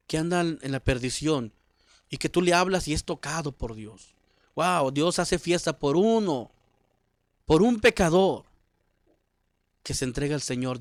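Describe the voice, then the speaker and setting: A man's voice: a little high, no room sound. A man preaching a sermon with passion, rising and falling, often restarting his words.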